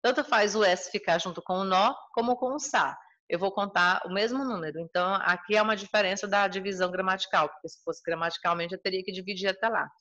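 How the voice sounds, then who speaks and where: A woman's voice: medium pitch, fast, fairly bright tone, lo-fi sound. A woman with a Brazilian Portuguese accent teaching a recorded school lesson, explaining patiently and restating each point. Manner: explanatory, repeats and rephrases points.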